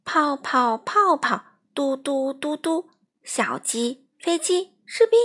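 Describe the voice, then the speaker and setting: A woman's voice: high voice, animated, slow pace, pushed and bright, voice pushed up, full character voice. A woman voicing a patient mother frog who coaxes and chants in a sing-song way. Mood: coaxing sing-song. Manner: coaxing, sing-song counting.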